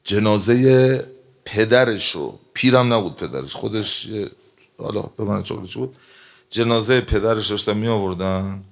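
A male preacher with a low voice full of gravel and creak. He tells stories and recites religious texts in Arabic. His delivery swings from loud emphatic outbursts to hushed, quiet passages. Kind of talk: emotional sermon with storytelling.

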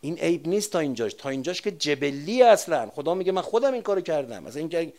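A man's voice: on the high side, very animated. Older man preaching with rising intensity. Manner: storytelling, swings from quiet recollection to loud emphatic preaching. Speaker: religious speaker. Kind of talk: sermon with personal war memories.

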